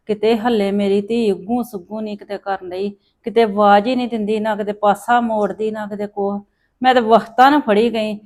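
Woman playing an older village mom, high voice, grumbly and sharp tongued, long-suffering, family drama. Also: natural voice. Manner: complaining, grumbling. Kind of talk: acted family drama dialogue.

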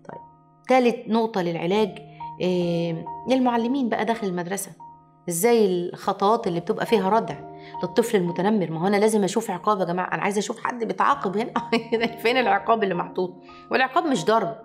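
A woman with an Egyptian accent delivers an informal parenting lecture at a rapid clip. She drives her points home with repetition and rhetorical questions. Faint music plays underneath her voice. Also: medium pitch. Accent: Egyptian Arabic.

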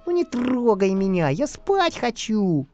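A man's voice: high voice, sing-song, a little slow, dark tone, dull audio, faint music behind, pitched above the performer's own voice. A man voicing a cowardly, boastful male spy and robber in a whiny, squealing way.

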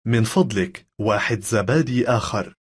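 Guy reading lesson lines slow and careful, bit raspy. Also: lowish voice. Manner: measured, careful delivery of each phrase. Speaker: language lesson speaker. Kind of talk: scripted phrase reading.

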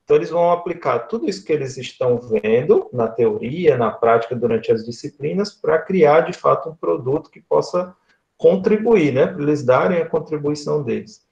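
On a lo-fi, dull video call from a small indoor room, this guest lecturer, a man in his thirties with a Northeastern Brazilian accent, explains things conversationally and keeps tossing in short tag questions to check for agreement. His voice sits on the high side, gravelly yet a little mellow, with lively intonation at a normal speed.

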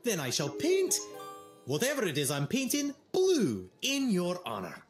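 A man's voice: measured pace, reverberant, soft background music, heavily acted. An actor playing a proud, touchy male painter with a lilting Scottish accent and a genial manner. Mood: polite. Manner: lilting, genial, lively swings in pitch.

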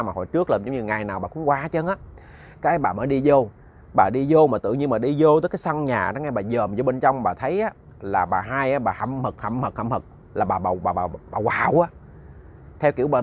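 Animated male storyteller. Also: mid-range voice. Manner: conversational, repeats words, addresses listeners as "cả nhà". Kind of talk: narrated ghost story.

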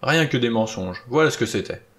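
A man's voice: medium pitch, lively intonation, fairly quick, a bit bright, close to an everyday voice. A man reading an audiobook, voicing an anxious, deferential middle-aged butler.

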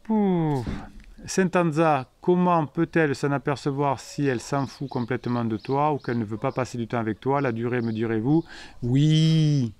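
A man's voice: mid-range voice, normal speed, a little mellow, clean tone. Emphatic, scolding French male coach. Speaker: relationship coach. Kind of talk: live-stream reading comments.

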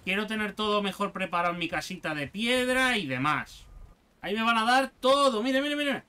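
A man giving casual gameplay commentary, excitable and sarcastic, swearing often. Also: high-pitched, moderate pace, smooth. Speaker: gaming youtuber.

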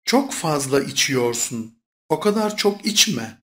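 A speaker reads short course phrases at a measured pace. The voice is mid-pitched, and the intonation moves up and down a lot. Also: big pitch swings, bright, forceful tone. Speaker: Turkish phrase reader. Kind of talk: scripted phrasebook reading.

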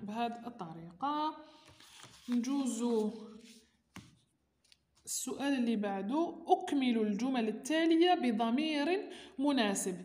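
A woman's voice: a little high, expressive, a little mellow. A woman with an Algerian Arabic accent patiently explaining a primary school worksheet to parents, reading each item aloud. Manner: patient and explanatory, reads items aloud then explains them slowly. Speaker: teacher explaining a homework sheet to parents. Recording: echoey room with long reverb.

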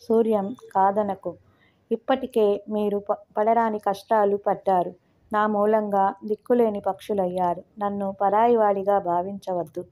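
A remorseful, generous old landowner from a spoken novel, as a woman reads him. He talks gently and in a fatherly way. The voice is mellow and warm, at a middle pitch. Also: flat delivery, unhurried, close to an everyday voice. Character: kindly older male landowner, remorseful and generous.

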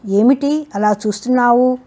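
A woman voicing a greedy, hard-hearted male village landlord in a read-aloud story, impatient and given to shouting. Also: a little high, moderate pace, lightly acted. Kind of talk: storybook reading.

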